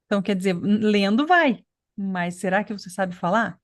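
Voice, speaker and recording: A woman's voice: mid-range voice, normal speed, no room sound. A woman from Brazil teaches an online English class and explains pronunciation patiently. She checks in with the students as she goes. Her voice sits mid-range, and the sound is dry and close.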